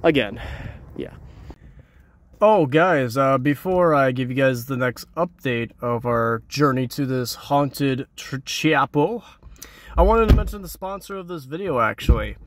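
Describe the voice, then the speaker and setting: A man's voice: medium pitch, a bit bright, a little hiss or hum. Rambling casual male vlogger outdoors. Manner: rambling, informal, repeats phrases. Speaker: YouTuber, vlog host. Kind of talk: casual handheld vlog narration to viewers. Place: outdoors at night on trails and roads. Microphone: handheld camera.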